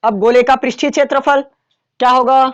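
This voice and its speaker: A man's voice: very high-pitched, steady tone, brisk, smooth, lo-fi sound. A man teaching a maths lesson to students in a classroom, in a casual way, often checking whether they have understood.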